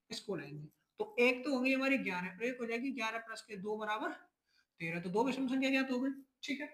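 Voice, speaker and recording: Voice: medium pitch, poor audio. A math teacher giving a step-by-step exam lesson, speaking to the students as children, restating each step and checking in often. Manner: addresses students as children, keeps checking in with "ठीक है".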